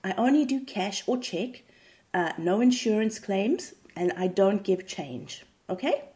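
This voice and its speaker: A woman voicing a blunt, impatient male therapist in a retold comedy sketch, speaking curtly and deadpan. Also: medium pitch, measured pace, close to an everyday voice.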